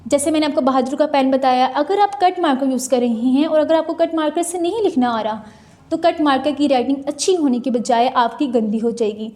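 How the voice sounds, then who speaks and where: A woman's voice: high-pitched, brisk, a little mellow. A woman, chatting through viewer questions in a casual vlog, recorded on a mobile phone. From Pakistan. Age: 20s. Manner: chatty, answers viewer questions one by one with practical advice. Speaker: student vlogger.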